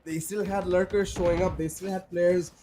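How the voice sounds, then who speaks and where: A man casting a live video game match as play-by-play commentator, talking fast and excitable. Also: sits high. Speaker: esports caster. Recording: noisy live game audio behind. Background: game sound effects and callouts.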